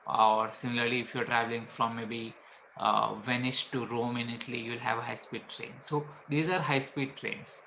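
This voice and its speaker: Indian-accented male vlogger, bright forceful tone, faint ambient noise; patient explainer. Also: medium pitch, little pitch movement, normal speed, creaky, low-quality recording. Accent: Indian English. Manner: explains step by step with frequent uh fillers. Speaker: travel vlogger. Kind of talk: explanatory travel tips.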